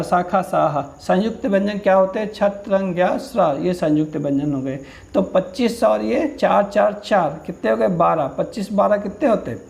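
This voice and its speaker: A man's voice: high voice, creaky. A male teacher giving an exam-prep grammar lesson, asking questions, then answering and repeating them patiently. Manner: steady, patient explaining.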